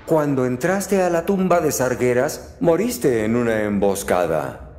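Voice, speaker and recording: A man voicing a wry, confident male archmage in a fantasy audiobook, speaking in a measured, mildly taunting way. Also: mid-range voice, sing-song, darkish tone, in a large hall, soft background music.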